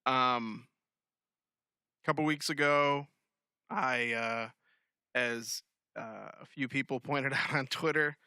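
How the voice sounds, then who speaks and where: A man with an American accent co-hosting a podcast in casual comedic chat, animated, joking and freely swearing. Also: medium pitch, takes it slowly, long pauses, smooth, dry recording, studio quality. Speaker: podcast co-host.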